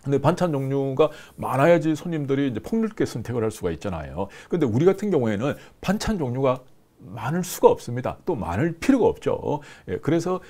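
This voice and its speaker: A man's voice: mid-range voice, big pitch swings, fairly quick, dark tone. A man in his fifties giving a lecture to camera in a small studio on a lapel mic, explaining with many fillers and hand gestures. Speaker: business course instructor. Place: small indoor studio with screen backdrop.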